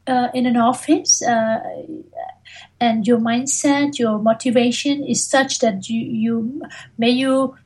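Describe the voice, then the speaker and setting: Higher-pitched woman, halting interview guest. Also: fairly even intonation, darkish tone, low-quality recording. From Tibetan, living in Europe. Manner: hesitant, halting, searching for words. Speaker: interview guest, mantra singer. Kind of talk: reflective interview talk.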